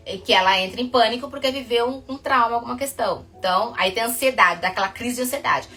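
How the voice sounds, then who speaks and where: A chatty woman tells stories to camera. Her voice is bright and ringing and sits a little high. She often rushes ahead, then reins herself in. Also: soft background music. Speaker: psychotherapist. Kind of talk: casual talk to camera.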